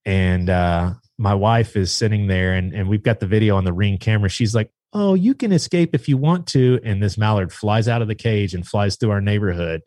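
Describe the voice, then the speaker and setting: A duck hunter and dog trainer, chatting as a podcast guest, tells a long, casual story about training his hunting dog, rambling animatedly and acting out what people said. His voice is on the low side and brisk, with hardly any pauses. No room sound is present.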